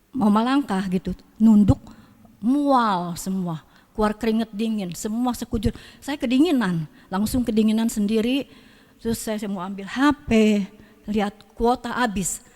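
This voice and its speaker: A woman's voice: medium pitch, warm tone, in a large hall. An older woman sharing a personal testimony in church, telling her story with emotion and prayer, at times tearful.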